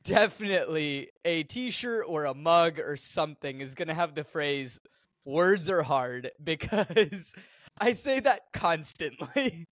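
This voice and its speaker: A man's voice: on the high side, lively intonation, slow pace, a bit bright, dry recording, studio quality. A young man co-hosting a casual movie podcast, laughing often and poking fun at his own slips. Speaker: podcast co-host. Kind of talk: casual movie-rewatch chat.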